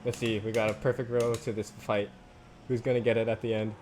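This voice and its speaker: A man streaming his sim racing live, chatting excitedly and swearing freely as he drives, breaking into loud cheers. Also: on the low side, brisk, slight background noise.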